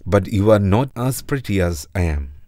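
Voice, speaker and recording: A man's voice: low voice, expressive, moderate pace, warm tone, no room sound, clean studio sound. A man voicing a haughty lotus flower that boasts of its beauty.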